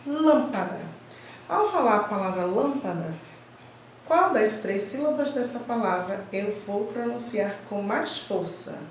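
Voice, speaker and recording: A woman teacher giving a slow, emphatic grammar lesson to children, stressing each syllable clearly. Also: medium pitch, animated, distant mic, a little hiss or hum. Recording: very echoey room, voice from off-mic.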